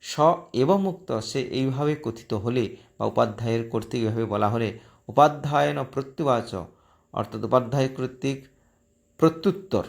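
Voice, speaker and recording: A man teaching a Sanskrit text in a recorded lesson, slowly reciting each phrase syllable by syllable and then explaining it. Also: mid-range voice, creaky. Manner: slow, careful syllable-by-syllable recitation.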